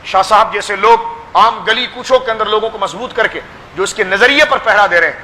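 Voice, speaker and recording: A man's voice: high voice, bright, forceful tone, long reverb tail, a little hiss or hum. A man with a Pakistani Urdu accent giving a fervent religious sermon to a gathering, exhorting his listeners and calling them his children. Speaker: pir giving a religious speech.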